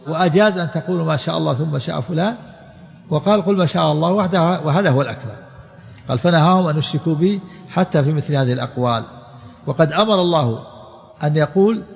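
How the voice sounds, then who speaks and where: Fast, gravelly man teaching in a hall. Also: a little high. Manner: explains by repeating quotes and examples. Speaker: Islamic scholar teaching a text. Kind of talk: religious lesson explaining a book.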